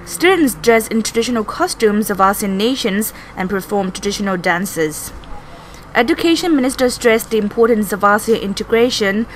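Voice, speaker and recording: A woman's voice: mid-range voice, animated, normal speed, rough recording. Thai-accented woman reporter over background noise. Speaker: news reporter. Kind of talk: scripted news narration.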